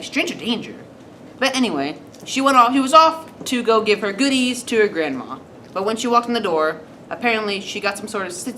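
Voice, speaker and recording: A woman's voice: medium pitch, fairly bright tone, a little hiss or hum. A woman telling a comic fairy tale off the cuff, with playful self-corrections and wry asides. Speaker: storyteller. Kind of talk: improvised comic storytelling.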